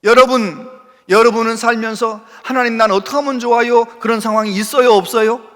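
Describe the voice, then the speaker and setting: A man preaching a sermon as a pastor, impassioned and swinging between loud exhortation and hushed speech, often asking the congregation questions. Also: very high voice, steady tone, fairly quick, big-room sound. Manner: asks the congregation questions and calls for replies. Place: church sanctuary with long reverb.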